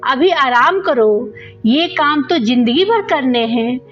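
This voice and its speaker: Storybook figure: a doting, insistent older mother-in-law voiced by a woman, high and unhurried, dull lo-fi sound with faint music. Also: lively intonation. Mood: affectionate. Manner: affectionate, coaxing.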